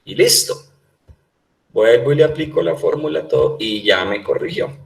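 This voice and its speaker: A man's voice: medium pitch, lively intonation, moderate pace, vocal fry, reverberant, low-quality recording. A man with a Colombian Spanish accent teaching a class online, patiently repeating points and checking that his students understand.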